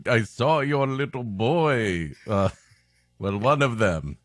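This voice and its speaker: A man's voice: mid-range voice, lively intonation, takes it slowly, dry recording, clean studio sound, faint music behind. A man playing a jolly old Santa Claus in a comedy podcast, chuckling and theatrical. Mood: jovial.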